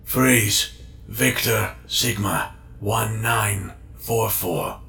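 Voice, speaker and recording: An actor playing a cold, aloof middle-aged scientist who talks in a clipped, disdainful way. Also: male voice, fairly low pitch, wildly swooping pitch, very slow, creaky, pushed and bright, soft background music, full character voice.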